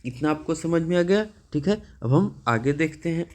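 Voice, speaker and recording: A man's voice: on the high side, animated, normal speed. A man teaching a math lesson, patiently asking questions and checking in with "okay" often.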